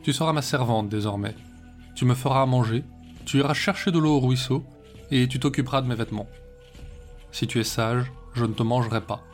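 A man's voice: mid-range voice, a little fast, faint music behind, lightly acted. A man voicing a cruel elder sister who has become a bear, giving cold orders. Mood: commanding. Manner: cold, commanding.

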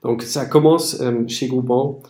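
This entrepreneur from East Germany, a native German speaker, stumbles through his interview answers with many fillers and false starts. He has a medium-pitched, warm voice with a steady tone, captured in a reverberant space.

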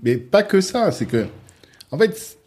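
A man's voice: high voice, big pitch swings, unhurried, darkish tone. A man hosting a podcast, musing aloud in a loose, talkative way. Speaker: podcast host. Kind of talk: casual podcast conversation.

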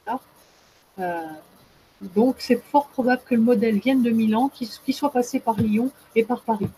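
A woman's voice: on the high side, normal speed, dark tone, breathy edge, low-quality recording. A woman explaining as a guest expert in casual talk, hesitant, with many fillers and restarts.

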